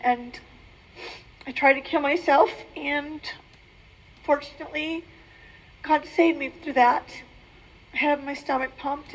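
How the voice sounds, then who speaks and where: A woman giving an earnest, emotional personal testimony, speaking haltingly with many restarts. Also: high-pitched, rough recording. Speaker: former adult-film performer giving a testimony.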